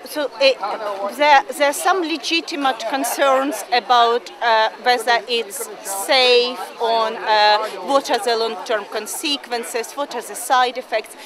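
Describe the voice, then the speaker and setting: A woman's voice: on the high side, fairly even intonation, takes it slowly, hardly any pauses, a crowd in the background. A woman with a Ukrainian accent, answering interview questions outdoors, hesitant and searching for words. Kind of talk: casual interview. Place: outdoors in a busy park.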